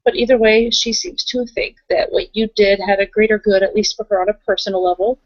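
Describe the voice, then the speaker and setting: Steady in tone and fairly quick, this woman's mid-range voice leads a tabletop game as its game master. She narrates and improvises in character with a blunt, casual manner. The audio quality is dull and lo-fi.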